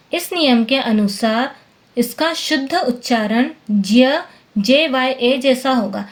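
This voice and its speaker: A woman teacher walks through a lesson at an unhurried, deliberate pace. Her voice sits fairly high, and she pauses often to check that her students are keeping up. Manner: patient, explains slowly and checks understanding. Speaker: Sanskrit teacher. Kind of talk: classroom lesson explaining text line by line.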